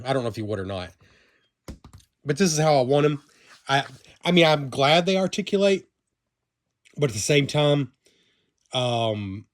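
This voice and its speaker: A man from the American South with a Southern accent, casually reviewing a vinyl toy in a rambling, chatty way full of fillers and self-corrections. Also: mid-range voice. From Southern United States. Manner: talks to himself while handling the toy.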